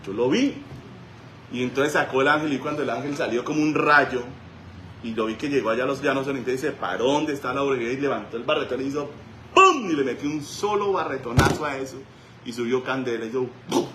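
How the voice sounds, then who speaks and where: A man, a pastor preaching a sermon in a church and telling stories with sudden shouts. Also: medium pitch, quick pace, noisy background. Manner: animated storytelling, voice rising to shouts. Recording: echoey church room.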